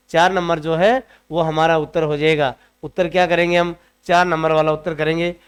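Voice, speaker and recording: A man's voice: high-pitched, smooth. A male grammar teacher leading an exam-prep lesson, often repeating himself and quizzing students with rhetorical questions. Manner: has students chant grammar rules aloud.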